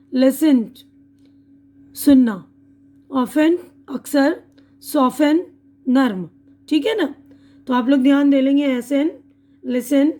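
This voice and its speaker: A woman with an Urdu accent giving an online English lesson, reading words slowly and patiently, each with its translation. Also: sits high, warm tone. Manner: slow, patient word-by-word drilling with translations. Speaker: English teacher.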